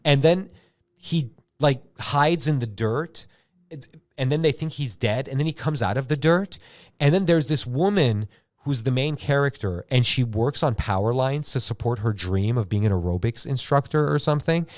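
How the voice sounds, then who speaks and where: A medium-pitched man speaks at a moderate pace in a dry recording. He's an Iranian YouTube chat-show host telling rambling, animated stories full of slang, frequent "like," and free swearing.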